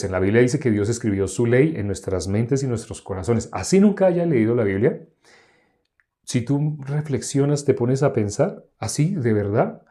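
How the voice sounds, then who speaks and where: Mellow-voiced man preaching conversationally. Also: medium pitch. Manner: conversational, acts out dialogues with listeners. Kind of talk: teaching sermon.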